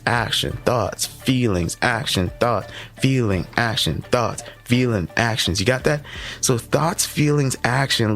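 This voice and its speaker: A man hosting a motivational podcast for educators, talking in an energetic, conversational way and often checking in with the listener. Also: fairly low pitch.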